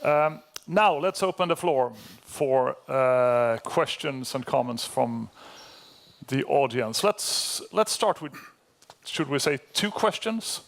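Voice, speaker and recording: A man's voice: mid-range voice, lively intonation, slow pace, gravelly. A man moderating a panel discussion, polite and brief as he hands over the floor.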